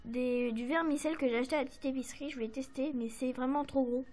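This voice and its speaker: High-voiced French woman chatting about crafts. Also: fairly even intonation, fast talker, darkish tone, soft background music. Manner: chatty, hesitant, many fillers and apologies. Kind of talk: casual show-and-tell to camera.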